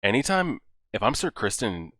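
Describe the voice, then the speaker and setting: A man with a very low voice and a forceful, bright edge talks through a show in casual reaction commentary. He exclaims and talks back to the screen, and the sound is dry and close. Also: moderate pace, no room sound. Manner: animated, exclaiming and talking to the characters. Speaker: reaction video host.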